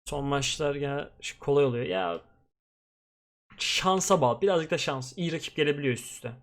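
A young man streaming a football video game, commenting live, swinging from grumbling to excited shouting. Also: on the high side, moderate pace. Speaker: gaming streamer.

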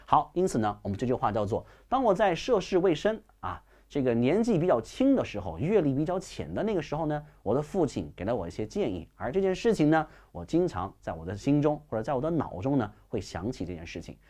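A man teaching English vocabulary in class. He explains in Chinese, reads the English sentences slowly and carefully, and keeps a lively, encouraging manner. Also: mid-range voice. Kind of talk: bilingual classroom lecture.

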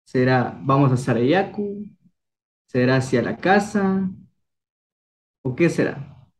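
A man's voice: medium pitch, animated, slow pace. A young man from Ecuador teaching a language class, coaxing students with encouraging quiz questions. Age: young adult. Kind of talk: online class, quizzing students.

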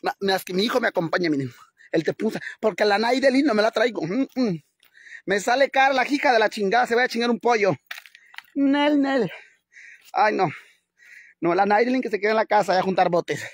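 A man's voice: sits high, fairly quick, breathy edge, dry recording. A man voicing a brash, foul-mouthed middle-aged woman out jogging, who chats crudely and dramatically to viewers she calls sisters. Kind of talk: comic character vlog. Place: outdoors on the street.

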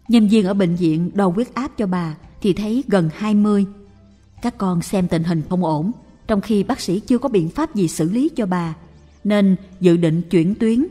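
A woman slowly and calmly reading a Buddhist story aloud. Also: medium pitch. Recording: reverberant with faint music.

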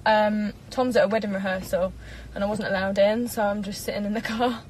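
English woman in her twenties, bubbly live-stream chat from her car, mid pitch, faint hiss. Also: level tone, fairly quick, darkish tone, poor audio. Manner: chatty, bubbly, giggly. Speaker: singer doing a live stream. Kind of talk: casual live-stream chat reading comments. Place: parked car. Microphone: phone propped up in front.

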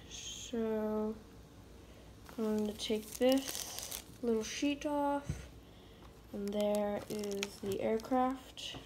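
Slow, hesitant woman unboxing a model. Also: a little high, noisy background. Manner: hesitant, many ums and pauses. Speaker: scale model reviewer. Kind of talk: casual unboxing review. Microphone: phone camera.

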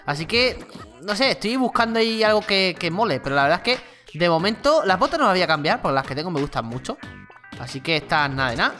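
A gaming channel host with a Spain Spanish accent giving chatty, excitable gameplay commentary. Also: medium pitch, quick pace, soft background music. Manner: excitable, chatty, exclaims and laughs during play.

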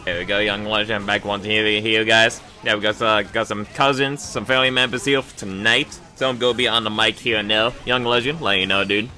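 A man's voice: fairly low pitch, steady tone, brisk, few pauses, bright, forceful tone, faint music behind. A man co-hosting a game stream with casual, slangy chat and commentary. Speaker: stream co-host.

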